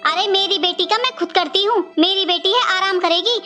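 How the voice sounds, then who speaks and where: A woman voicing a bossy, scolding middle-aged mother-in-law in an animated cartoon, speaking harshly and commandingly. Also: very high-pitched, a little fast, soft background music.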